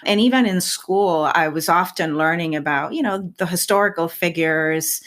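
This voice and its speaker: A Puerto Rican woman in her thirties, a native Spanish speaker, appears as a guest scientist in a podcast interview. Her lowish, slightly bright voice moves at a moderate pace, and she speaks reflectively, often restarting phrases and repeating words.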